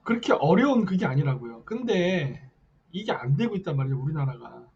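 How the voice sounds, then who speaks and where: A man on a late-night political stream talks in a high, husky voice that swings widely up and down. He keeps pressing his viewers with rhetorical questions and a nagging "eh?" after each point. The audio is dull and lo-fi. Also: sing-song, brisk, a little mellow. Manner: hectoring rhetorical questions with repeated "eh?" tags; reads viewer comments aloud. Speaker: live-stream host.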